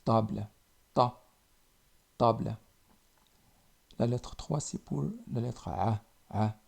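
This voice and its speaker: Man, teacher, very slow, husky, repeats words patiently. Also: medium pitch, a little mellow. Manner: slow and deliberate, repeating each word with pauses. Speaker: language teacher. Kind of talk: slow spoken lesson.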